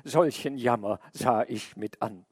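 A man's voice: mid-range voice, a little slow, slightly rough, no room sound, studio quality. A man voicing a grieving, wailing crow. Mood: lamenting. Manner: wailing, pleading lament. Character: grieving talkative male crow, lamenting.

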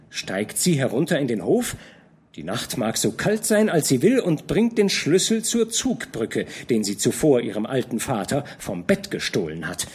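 A man voicing a gossiping middle-aged female innkeeper who spreads scandal in a hushed, eager way. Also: slightly rough, heavily acted. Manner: chatty, conspiratorial, hushed to shrill.

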